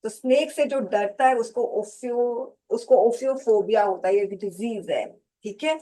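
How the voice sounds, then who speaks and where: A woman teaching a vocabulary lesson to exam students, speaking slowly and deliberately, spelling out and repeating each term. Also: a little high, mellow, rough recording. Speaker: English teacher for competitive exams. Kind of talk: slow classroom lecture, mixing Hindi and English.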